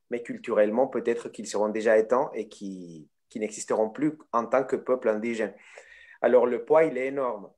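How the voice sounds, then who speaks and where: Man, mid-pitched voice, hesitant, french speaker, online panel answer. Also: darkish tone. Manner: hesitant, searching for words.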